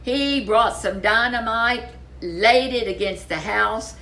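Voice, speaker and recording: A woman storyteller reads a children's storybook aloud, her somewhat high voice expressive and deliberate, with dramatic emphasis.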